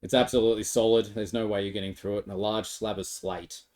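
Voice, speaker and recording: A man narrating a tabletop game as game master, easygoing and quick to laugh. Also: fairly low pitch, level tone. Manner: easygoing, laughs between descriptions.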